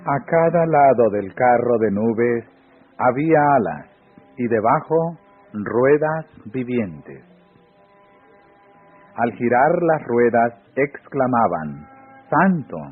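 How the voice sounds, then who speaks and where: Male devotional reader, solemn and unhurried, husky tone, phone-line audio. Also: medium pitch. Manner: solemn, rising on exclamations. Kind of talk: slow devotional reading. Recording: phone-like audio with faint music.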